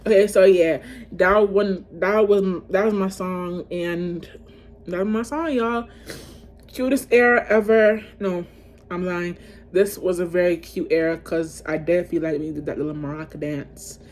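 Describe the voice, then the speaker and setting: A woman's voice: fairly low pitch, steady tone, normal speed, darkish tone. A woman vlogging casually to camera, ranking music in a chatty, emotional way and calling her viewers y'all.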